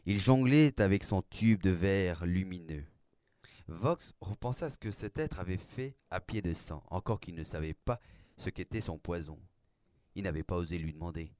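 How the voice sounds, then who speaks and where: A man narrating a dark fantasy story aloud, with a measured, dramatic reading. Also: low voice, no room sound. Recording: faint background music.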